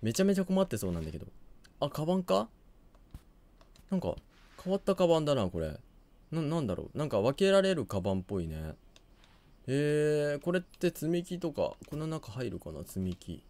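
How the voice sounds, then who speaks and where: Hoarse man in quiet game commentary. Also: very animated, a little fast. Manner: low-key, chatty, muttering to himself. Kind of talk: quiet let's-play commentary.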